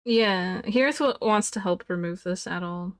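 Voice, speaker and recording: Slow soft-spoken woman player. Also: lowish voice, no echo, clean studio sound.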